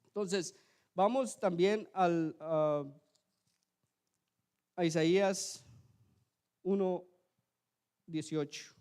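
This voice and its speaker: A man preaching a sermon in a church, telling a personal story in a conversational way, often asking the brethren to agree and swinging from loud emphasis to quiet asides. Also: high-pitched, very slow, long pauses, smooth. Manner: conversational, keeps asking ¿verdad? and addressing the brethren.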